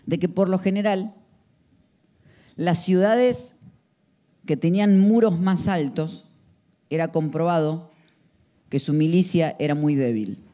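A man's voice: a little high, takes it slowly, pauses often, mellow. A man preaching a sermon, emphatic and full of rhetorical questions.

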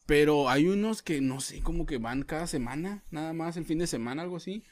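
A Mexican man co-hosting a podcast speaks in a slightly high voice. He tosses in slangy jokes and short replies, and he stays loose and relaxed. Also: fairly quick. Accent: Mexican Spanish. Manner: joking, relaxed, uses slang, brief backchannel replies. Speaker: podcast co-host. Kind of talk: casual chat.

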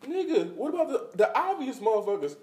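A man's voice: very high voice, very animated, brisk, a little mellow. Fired-up male co-host, emphatic rant, roomy echo. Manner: emphatic, ranting, heavy profanity and slang. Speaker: podcast co-host. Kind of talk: casual chat. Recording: echoey room, mic at a distance.

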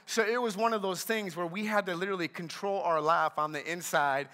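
A man preaching a sermon in a church, telling family stories with animated energy and lots of "like.". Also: high voice, a little fast. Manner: animated storytelling, frequent "like". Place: church sanctuary. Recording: reverberant church hall.

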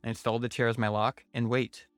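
A man's voice: mid-range voice, flat delivery, fairly quick, dry recording, faint music behind. A man narrating a scripted first-person horror story in a wry manner.

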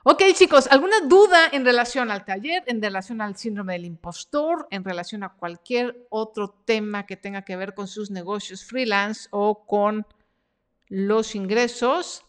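A woman's voice: mid-range voice, expressive, measured pace, a bit bright, clean tone. A woman hosting a live stream Q&A about her freelance workshop, reading viewer comments aloud in a chatty, encouraging way.

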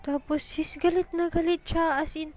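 A woman's voice: very high voice, moderate pace, low-quality recording. Breathless chatty young woman storyteller. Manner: chatty, animated, slangy. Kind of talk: casual storytelling.

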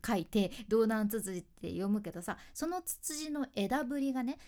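A woman speaks with an in an easygoing solo monologue. Her voice sits a little high. She is chatty, laughs often, and keeps asking her listeners questions. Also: darkish tone. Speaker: freelance announcer and speaking coach. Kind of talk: casual solo chat.

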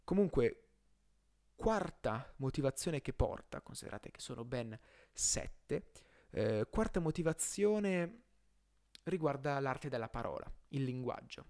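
A man gives an informal spoken lesson in the manner of a podcast host. His delivery is halting, with stretched words and frequent self-corrections as he works through each explanation. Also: medium pitch, darkish tone. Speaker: host of a philosophy podcast series.

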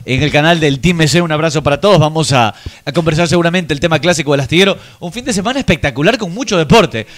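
A man's voice: fairly high pitch, animated, fast talker. A man hosting a radio sports show, bantering casually and teasing his co-hosts. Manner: teasing, corrects others' pronunciation.

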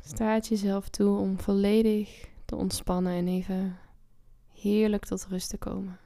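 A woman guides a relaxation meditation in a slow, hushed voice that often sinks into whispers. Her tone is mellow and very even, with little rise and fall. The sound is dry and close. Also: mid-range voice, creaky, dry recording. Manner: slow, soft and soothing, with long pauses and drifting into whispers.

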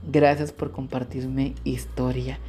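A man's voice: mid-range voice, little pitch movement, slow, over loud music. A man co-hosting a podcast, reading a listener's story aloud in a frank, chatty and playful way. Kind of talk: casual chat and reading aloud.

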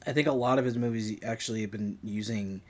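A man talking casually about films as a podcast co-host, often halting as he searches for details. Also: lowish voice, darkish tone. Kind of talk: casual film discussion.

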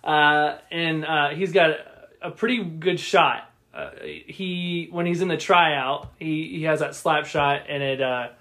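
A man's voice: a little high, fairly even intonation, unhurried, pushed and bright. A man chatting casually on a podcast, retelling favorite movie scenes, laughing often and acting out quoted lines. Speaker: podcast co-host. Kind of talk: casual chat about movies.

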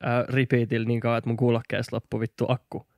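A man's voice: completely flat delivery, darkish tone, no echo. A man co-hosting a casual podcast chat, boisterous and swearing freely, speaking into a close studio mic. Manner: boisterous, swears, bursts into high whoops. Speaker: podcast co-host.

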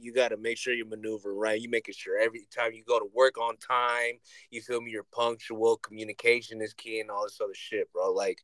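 Slangy stoner podcast host, a man, clearly high. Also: fairly bright tone, no room sound, poor audio. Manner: stoner talk, heavy slang and swearing. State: high on cannabis. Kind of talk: casual chat, slangy storytelling.

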